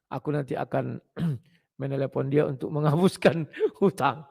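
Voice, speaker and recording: A man with a high-pitched, gravelly voice talks bluntly to his viewers in a casual preaching style. He clears his throat again and again between phrases. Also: normal speed, a little mellow.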